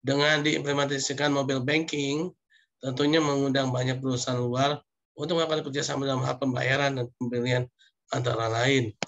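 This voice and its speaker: A man's voice: mid-range voice, flat delivery, a little fast, a bit bright, lo-fi sound. A man lecturing online, reading through slide points with frequent "ya" and "nah" asides.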